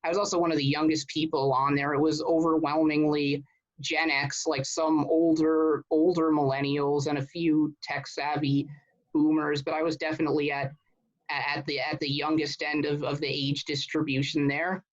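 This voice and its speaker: Halting, level-voiced man in his thirties. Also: on the high side, flat delivery. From Connecticut, US. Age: 30s. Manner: halting, with many restarts and repeated words. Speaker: guest. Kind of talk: casual conversational interview. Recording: dull, muffled sound.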